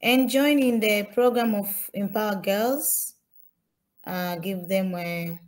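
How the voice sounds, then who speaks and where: Like a student presenting, a young woman from Tanzania goes through her slides slowly in a mid-pitched voice. Her speech is not English, and it comes out haltingly, with many fillers, pauses and restarts.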